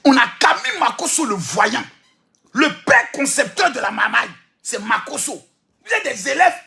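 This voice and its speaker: A man with an Ivorian French accent delivers a teasing, repetitive monologue, often shouting. His voice sits high and sounds bright and forceful. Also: very animated, normal speed, gravelly. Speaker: social media commentator. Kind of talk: animated provocative monologue.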